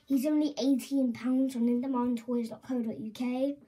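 A high, voice in a casual, unscripted toy review, rambling and halting with self-corrections. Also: fairly even intonation, dark tone, breathy edge. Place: indoors, small tabletop green-screen setup. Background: music, occasional scratching from headphones.

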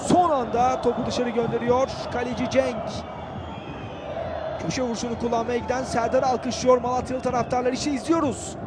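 A man giving excitable, declamatory live commentary on a football match. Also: extremely high pitch, normal speed. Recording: loud stadium crowd noise behind. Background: cheering football stadium crowd.

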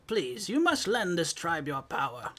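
A man voicing a solemn old male rock-creature elder in a slow, formal old-man manner, reading game dialogue aloud in character. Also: a little high, big pitch swings, pushed and bright, a little hiss or hum, exaggerated voice.

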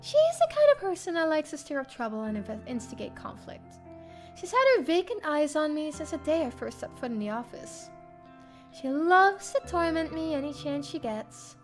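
A young woman with a high-pitched voice reads a first-person story with lots of expression, her intonation rising and falling in a lively way. She is a streamer reading a visual novel, with game music playing in the background.

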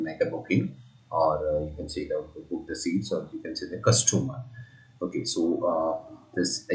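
A man's voice: low-pitched, reverberant, poor audio. A man narrating a screen-recorded coding walkthrough, explaining steps with frequent fillers and restarts. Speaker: software tutorial presenter.

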